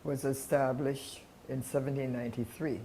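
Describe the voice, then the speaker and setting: A man who works as a teacher, reminiscing in a reflective, deliberate and emphatic way. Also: medium pitch, flat delivery, warm tone. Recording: roomy echo, faint background noise.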